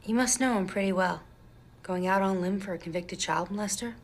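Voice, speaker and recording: A woman's voice: mid-range voice, fairly quick, slight background noise, natural voice. An actress playing a guarded, driven woman police detective in film dialogue. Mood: stern. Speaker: actor in a thriller film. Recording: music behind the dialogue.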